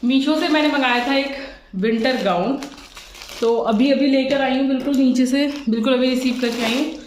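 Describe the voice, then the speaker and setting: A woman's voice: high voice, moderate pace. A woman vlogger chatting casually to her viewers while unboxing something at home. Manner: chatty, addresses viewers directly. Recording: echoey room with background noise.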